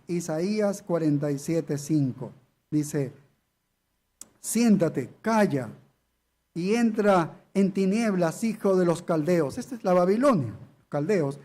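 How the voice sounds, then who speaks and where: A man with a notably high voice preaches an expository sermon. He leans hard on key words, says them again and again, and keeps throwing rhetorical questions at his listeners. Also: mellow. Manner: emphatic, repeats key phrases, asks rhetorical questions. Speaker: pastor.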